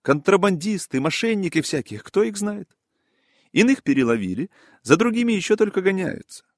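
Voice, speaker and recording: Brief: man doing an eager gossiping middle-aged busybody, high and fluttery, overly polite, dry close audiobook sound. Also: moderate pace, no room sound. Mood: excited gossip. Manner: excited, ingratiating, old-fashioned politeness. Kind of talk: audiobook character voice.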